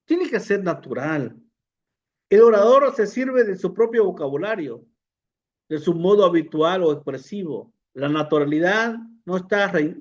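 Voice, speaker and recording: Guy giving a speaking class to pastors, takes his time, repeats himself, a bit muffled. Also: fairly high pitch. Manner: unhurried, repeats words, fillers, asks the audience. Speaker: public speaking teacher. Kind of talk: lecture to pastors.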